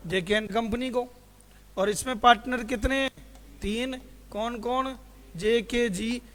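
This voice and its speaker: A man's voice: extremely high pitch, steady tone, slow, a bit bright. A male teacher giving a classroom lecture who keeps asking his students questions, answers them himself, and calls them "beta". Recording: hall reverb.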